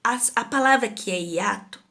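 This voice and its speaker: This young Brazilian school teacher has a medium-pitched, sharp-toned voice with vocal fry, speaking at a normal speed. She runs an online grammar lesson for children, patient and sing-song, often checking in on her pupils. Her accent is Brazilian Portuguese.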